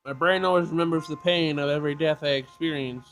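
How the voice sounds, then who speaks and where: A high-voiced man hosts an expressive let's play, dramatically reading game text aloud, stumbling and rereading, and adding commentary. He speaks fast, game music plays behind him, and the recording is rough.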